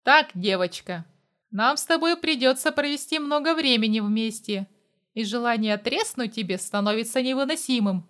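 A woman's voice: fairly high pitch, lively intonation, normal speed, a bit bright. Woman voicing a blunt, menacing male mercenary. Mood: gruff.

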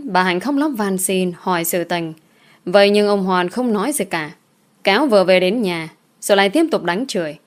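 A woman narrating a romance novel aloud in a steady storytelling manner. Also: medium pitch.

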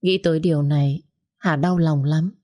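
Low, mellow woman narrating a story. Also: fairly even intonation, normal speed.

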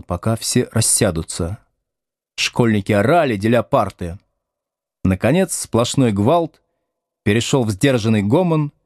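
A man reading a novel aloud as scripted narration with expressive storytelling. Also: mid-range voice, no room sound, studio quality. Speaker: audiobook reader.

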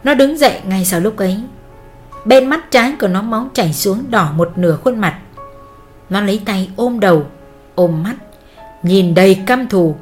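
A woman narrating a dramatic family story in steady, scripted storytelling. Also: mid-range voice.

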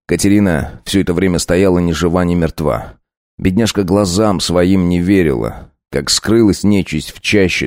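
A man narrating a dark folk-tale audiobook in a measured, storytelling way with folksy phrasing. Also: low voice, dry recording, clean studio sound.

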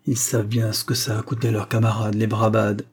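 A man's voice: fairly low pitch, monotone, fairly quick, a little mellow, slightly rough. A man reading an audiobook, voicing an older peasant widow who runs an inn and speaks with fearful, pleading urgency. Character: frightened old peasant widow innkeeper.

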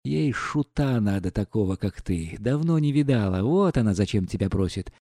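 In a storybook reading, an imperious older noblewoman scolds and flares up at every turn, as a male reader puts her on. The voice stays dark and mellow, heard close and dry with no room around it. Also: lowish voice, lively intonation, no room sound. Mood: agitated scolding. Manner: scolding, quick to anger.

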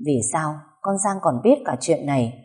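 A woman narrating a family drama story in a steady, measured way. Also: low voice.

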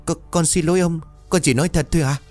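A man's voice: medium pitch, lively intonation, brisk, darkish tone, soft background music, voice pushed up, lightly acted. Man doing a timid frightened young servant. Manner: stammering, polite.

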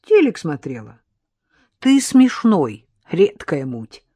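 A reader voicing a stubborn, secretive young maid who snaps and teases in drawn-out, raised phrases, in an audiobook. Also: mid-range voice, huge pitch swings, warm tone, breathy edge, no room sound, studio quality, full character voice. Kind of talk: audiobook character voice.

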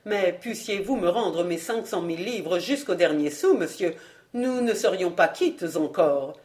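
A woman's voice: lowish voice, lively intonation, a little slow, a little mellow. A woman voicing a petty, fussy male royal steward who complains in a self-pitying tone. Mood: plaintive grumbling. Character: fretful middle-aged male royal steward, petty and greedy.

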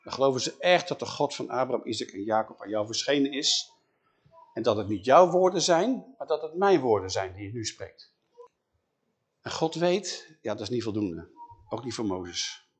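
A man retelling a Bible story in an animated way, often checking in with his listeners. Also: medium pitch, normal speed, breathy edge.

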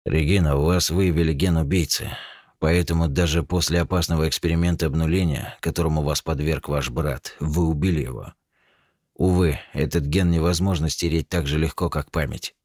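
A man voicing a middle-aged male psychotherapist in an audiobook, speaking in a measured, probing way. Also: rumbling low, fairly even intonation, darkish tone, no echo, studio quality. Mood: clinical.

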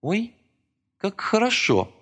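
Brief: man playing meek young woman, high, soft, pleading. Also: huge pitch swings, slow, heavily acted.

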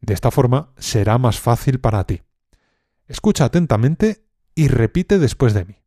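A man teaching a language lesson, speaking calmly and deliberately with some hesitant fillers. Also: mid-range voice, no room sound, clean studio sound. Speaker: Spanish teacher. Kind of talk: slow, clear language lesson.

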